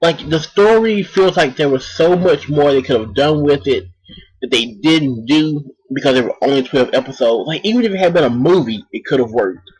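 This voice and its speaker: A man's voice: on the high side, expressive, moderate pace, a little mellow, breathy edge, rough recording. A man casually reviewing an anime, rambling with many ums and restarts while talking around a cough drop.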